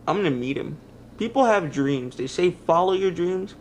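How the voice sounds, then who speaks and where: A man's voice: sits high, animated, moderate pace, background noise. A man playing an overexcited wrestling superfan in a mockumentary, gushing in a fanboy way. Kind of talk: mockumentary acting.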